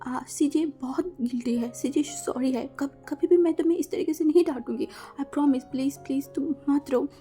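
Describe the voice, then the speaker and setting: A woman's voice: high-pitched, normal speed, few pauses, warm tone, faint music behind, pitched above the performer's own voice, lightly acted. A woman voicing a guilty, caring young elder sister who pleads and stammers, in a storybook reading. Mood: pleading apology.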